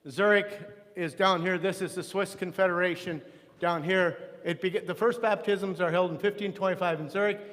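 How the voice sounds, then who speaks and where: High-voiced man teaching Sunday school. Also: steady tone, normal speed, a bit bright, long reverb tail. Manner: conversational, with frequent restarts and asides. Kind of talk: church history lesson. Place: church room.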